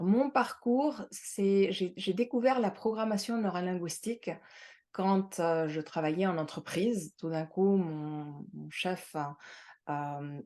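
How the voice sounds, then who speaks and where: A woman's voice: fairly low pitch, gravelly, a little mellow. A middle-aged woman from Mexico, a hypnosis and NLP trainer, talking in an interview with many hesitations and repeated words. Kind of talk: conversational interview.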